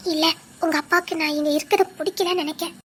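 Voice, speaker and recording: A woman's voice: very high-pitched, steady tone, fast, slight background noise. A woman voicing an anxious but firm young wife who scolds and worries. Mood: worried.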